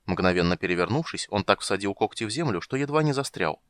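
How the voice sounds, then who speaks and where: A man narrates a fantasy audiobook with plenty of lively rise and fall in his fairly low voice. The sound is close and dry, with almost no room echo. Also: quick pace. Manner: expressive, animated reading.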